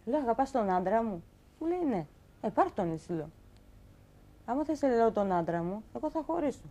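A young woman guest on a talk show, telling her own story in an animated way and acting out the dialogue she quotes. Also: fairly high pitch. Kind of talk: emotional personal account on a talk show.

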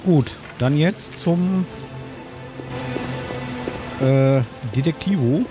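A man's voice: on the high side, extremely slow. A man giving casual, offhand commentary as he plays a video game, as if talking to himself. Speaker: let's player. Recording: loud game music and rain behind.

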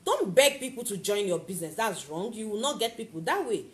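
A woman coaching on network marketing in a motivational talk to camera, animated and acting out little scenes. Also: a little fast. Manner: animated, acts out little scenes with big pitch jumps.

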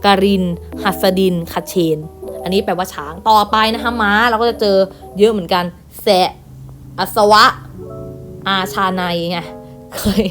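Female primary teacher, patient list-reading lesson voice, mid pitch, faint music underneath. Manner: patient, reads each word aloud and repeats with gentle "na kha" tags. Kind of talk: online class lesson, reading word lists.

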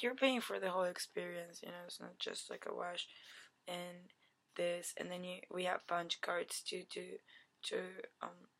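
A woman in her twenties giving a deadpan comic pitch on a webcam in a dim bedroom, rambling with lots of "like" and "you know". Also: vocal fry. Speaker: vlogger. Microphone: webcam at desk.

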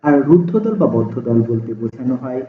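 A man teaching a lesson, explaining slowly and deliberately, stretching out sample syllables to show how they sound. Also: mid-range voice, slight background noise. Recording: tinny, echoey phone-like sound.

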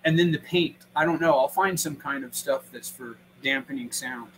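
A man on a stream, rambling profanely and acting out pranks in quick put-on voices. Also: mid-range voice, a bit bright, slight background noise, poor audio. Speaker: guest. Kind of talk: crude casual chat on a stream.

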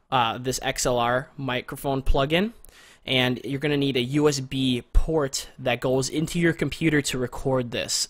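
Talking through a product casually, this young gear reviewer rambles slightly and repeats words to stress them. His voice is masculine but not very deep, at an ordinary pitch with a fairly bright tone. A close studio condenser mic with a pop filter captures him in a small bedroom, with a dry, close sound and no echo.

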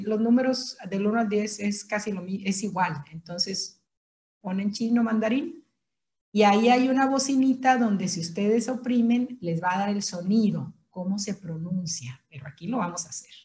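A woman with a Mexican accent teaching an online class, explaining patiently step by step and repeating each word slowly. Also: medium pitch, darkish tone. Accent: Mexican Spanish. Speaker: tai chi instructor.

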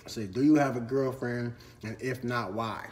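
In a storage room stocked with shelves and ladders, a laid-back Minnesotan in his twenties eats and chats through a casual Q&A vlog full of slang. His voice is mid-range with a darkish tone, at an ordinary speed.

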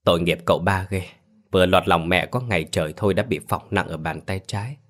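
A loyal old maidservant recounts household troubles in a plain, chatty way, as a male narrator reads her in his own deep voice. It belongs to an audio ghost story. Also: fairly even intonation, fairly quick, close to an everyday voice. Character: loyal old woman servant, gossipy and warm.

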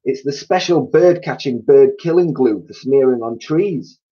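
A man's voice: medium pitch, a little slow, lo-fi sound, pitched above the performer's own voice, lightly acted. Man playing frenzied, bossy monkey leader Mugglewump. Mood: excited. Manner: shouting urgent orders, impatient, snapping. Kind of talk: children's storybook reading.

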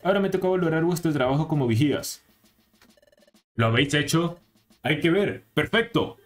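A man's voice: a little high, expressive, normal speed, faint music behind, voice pushed up, natural voice. A man voicing a fussy male parrot foreman who gives orders in a formal, announcing way. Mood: bossy.

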